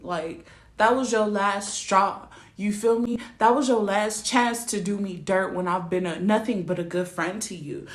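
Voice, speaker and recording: Blunt, profane young woman vlogging in a roomy space. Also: mid-range voice. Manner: blunt, profane and emphatic, often asking the viewer to agree. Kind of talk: casual storytelling rant to camera. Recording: roomy echo.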